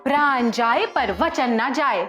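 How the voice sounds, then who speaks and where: An actress playing a pushy, excitable young wife in a TV family sitcom who nags insistently with repeated demands. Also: female voice, sits high, slow pace. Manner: insistent, nagging repetition. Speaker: sitcom character. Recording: TV sitcom with background music.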